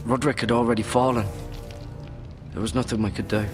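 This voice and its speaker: A man's voice: mid-range voice, level tone, fast, lightly acted. An actor playing a young male squire in a video game, earnest and grim. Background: game music.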